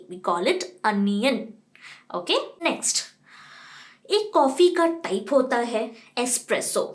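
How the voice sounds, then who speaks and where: An Indian woman teaching pronunciation in a casual lesson, spelling words out letter by letter and quizzing the viewer. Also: fairly high pitch. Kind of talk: casual lesson mixing Hindi and English.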